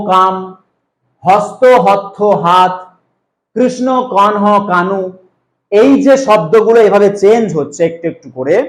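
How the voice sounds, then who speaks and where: A male teacher giving an exam-prep grammar lesson, asking questions and then answering them himself in a drawn-out explaining way. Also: high-pitched, roomy sound, poor audio.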